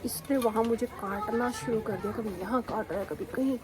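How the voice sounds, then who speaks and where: A young woman filming a casual family vlog at home, chatting to the camera and switching to a high sing-song voice when she talks to her baby. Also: moderate pace, over a noisy crowd. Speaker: vlogger mother. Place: home indoors.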